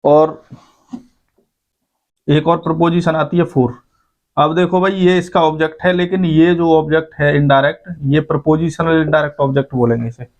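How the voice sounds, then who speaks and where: A man teaching an English grammar lesson, his voice sitting a little high for a man. He explains patiently, point by point, and keeps asking the class if it is clear. The recording sounds dull and lo-fi. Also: fairly even intonation, normal speed. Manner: explains step by step, keeps adding "ठीक है भाई".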